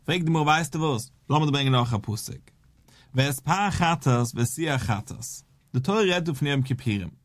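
A man's voice: mid-range voice, expressive, moderate pace, dry recording. A rabbi teaching a daily Talmud lesson. He explains step by step, posing and answering questions in a sing-song study cadence.

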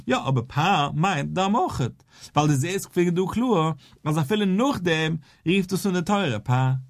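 A man with a slightly higher voice gives a Talmud lesson as a rabbi. He moves through the argument step by step, putting questions and answering them in a rising, sing-song study cadence. The sound is close and dry. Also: animated, measured pace, no room sound.

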